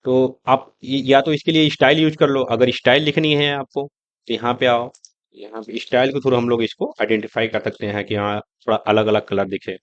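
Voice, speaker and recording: A man walks through a coding lesson, explaining each step in a loose, conversational way while he types. His voice sits at an ordinary middle pitch. The room is dry, and the sound is a little dull, as from a simple home microphone. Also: fairly even intonation, normal speed, no room sound. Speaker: coding tutor. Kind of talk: screen-recorded coding tutorial.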